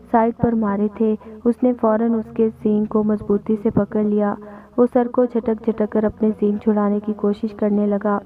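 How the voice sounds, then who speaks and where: A woman narrating a scripted story in a steady, even reading voice. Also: medium pitch. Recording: tinny lo-fi audio with faint music.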